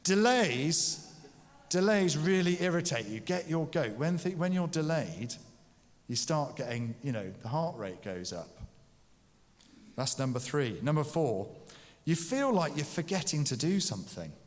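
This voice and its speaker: Jokey preacher in a reverberant church. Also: male voice, on the high side, sing-song, measured pace. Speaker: pastor. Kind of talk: sermon.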